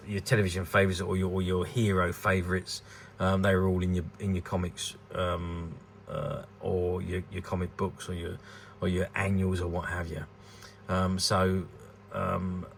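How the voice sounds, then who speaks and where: There's a slight hiss or hum behind this low, creaky male voice. A sixty-something vintage toy dealer from the United Kingdom, he talks informally and without a script about a collectable, hesitating, rambling, and repeating himself often.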